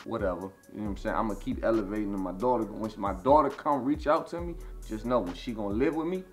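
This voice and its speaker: A man's voice: on the low side, fast, faint music behind. A man in his thirties telling a long personal story in a casual interview, rambling with lots of "you know what I'm saying" and swearing. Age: 30s. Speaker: interview guest.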